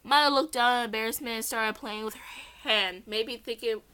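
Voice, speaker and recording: An amateur reader, a woman, narrates a story aloud with character voices, giggling and frequently stumbling over words before correcting herself. Her voice is fairly high, smooth and sharp-toned, at a moderate pace.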